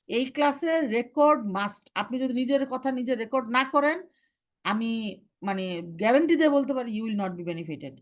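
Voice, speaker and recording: Young woman, recitation teacher, slightly high-pitched, firm, instructive, slow demonstrations. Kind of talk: online class instruction.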